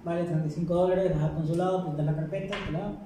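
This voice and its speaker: A man's voice: fairly high pitch, steady tone, quick pace. A man hosting a podcast, asking easygoing questions in casual chat. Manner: asks easygoing, prompting questions. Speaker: podcast host. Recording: roomy echo, distant mic, noisy.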